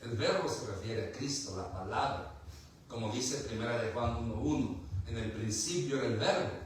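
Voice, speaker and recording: A man's voice: medium pitch, moderate pace, slight background noise. A man preaching a sermon, asking the congregation questions and mixing in light humor. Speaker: pastor. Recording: echoey room from far off.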